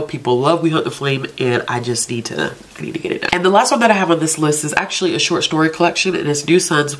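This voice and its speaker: Her voice is very deep yet fairly bright, with a faint hiss or hum behind it. She's a book vlogger and channel host, stuffed up from allergies, chatting casually and scolding herself over the books she intends to read until she talks herself into it.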